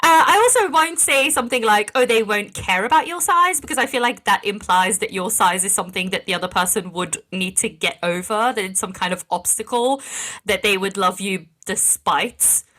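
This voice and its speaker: A woman's voice: medium pitch, moderate pace, bright, forceful tone. A woman in her thirties co-hosting a podcast, chatting earnestly and laughing often. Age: 30s. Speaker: podcast co-host. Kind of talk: casual podcast chat.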